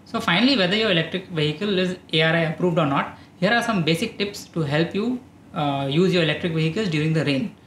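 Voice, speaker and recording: A man in his thirties with an Indian English accent, calmly explaining as the host of an explainer show. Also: a little high, quick pace, echoey room, a little hiss or hum. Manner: calm, informative, steady delivery. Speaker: EV channel host. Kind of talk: explainer talking to camera. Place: dark studio, indoors.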